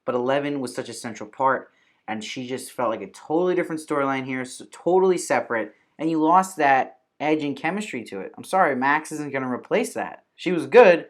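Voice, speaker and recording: A man talking through a TV review in a loose, casual way. He is opinionated and chatty, with plenty of filler words, and he slips into quick mock-quoted asides as he makes his points. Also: mid-range voice, animated. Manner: opinionated, conversational, frequent fillers like "kinda" and "like"; mimics imagined viewers in quoted asides. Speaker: TV review host.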